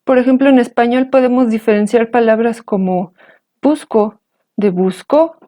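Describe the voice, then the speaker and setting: Woman teacher, fairly high but mellow voice, patient, careful delivery. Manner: slow, careful, patient explanation. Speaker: language teacher. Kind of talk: explaining and pronouncing example words.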